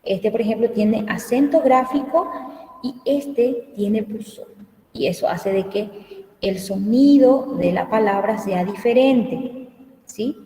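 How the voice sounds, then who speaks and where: Slow, echoey woman teaching a class. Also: medium pitch, dark tone. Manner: slow, explanatory, checks understanding with frequent "¿sí?". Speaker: Guarani language teacher. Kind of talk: online class lecture. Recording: echoey room, voice from far off the mic.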